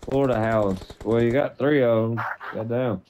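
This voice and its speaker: A man's voice: mid-range voice, steady tone, moderate pace, noisy background. A man chatting as a teammate in a game, drawling and swearing. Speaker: gaming teammate. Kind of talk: casual gaming chat.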